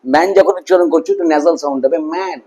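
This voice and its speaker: A man's voice: fairly high pitch, big pitch swings, creaky, warm tone, rough recording. Bengali-accented man teaching English sounds. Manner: repeats words slowly and checks in with listeners often. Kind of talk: phonetics lesson explaining sounds and symbols.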